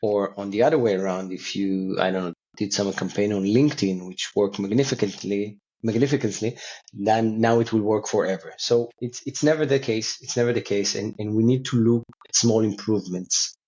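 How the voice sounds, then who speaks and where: In halting, conversational interview answers, a man who co-founded his company and serves as its CEO keeps repeating words and phrases. He has a fairly low, slightly mellow voice, heard through dull, lo-fi call audio.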